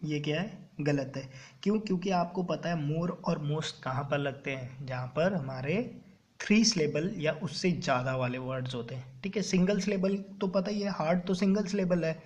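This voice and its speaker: A man coaching exam students on English grammar in Hindi mixed with English terms, often checking "clear?" as he goes. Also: on the high side, normal speed, darkish tone. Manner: keeps checking understanding with "clear?" and "ok". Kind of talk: classroom-style exam coaching lecture.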